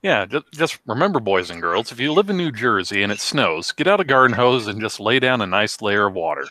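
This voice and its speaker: A man's voice: lowish voice, big pitch swings, brisk, bright, forceful tone, no room sound. A man co-hosting a casual livestream, trading dry jokes and explaining things at length. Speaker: livestream co-host. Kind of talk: casual chat.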